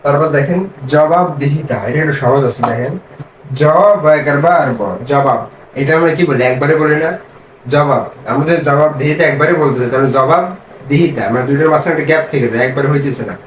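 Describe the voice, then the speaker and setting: A man teaching reading. He spells out syllables slowly, then asks the class questions and answers them himself. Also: a little high, slight background noise. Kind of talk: step-by-step reading lesson. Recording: echoey room, mic set far off.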